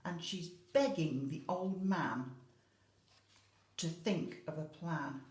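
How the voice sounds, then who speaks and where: A British infant school teacher talks with young children about a picture book in a low, slow, darkish voice. She stresses key words and frequently checks in with tag questions. The recording is roomy and echoey, like it was made at home.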